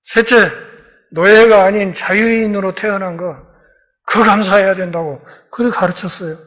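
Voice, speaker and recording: A pastor with a notably high voice leads a Bible lecture. He tells the story with energy and acts out the conversations, swinging from loud, pressing emphasis to quiet, low stretches. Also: fairly even intonation, normal speed. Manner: storytelling, acts out the dialogue of biblical characters.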